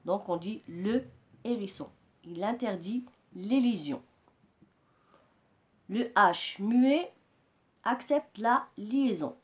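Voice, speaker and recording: A woman teacher slowly explaining pronunciation rules to her students, repeating key words. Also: mid-range voice, animated. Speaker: French teacher. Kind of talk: slow classroom explanation.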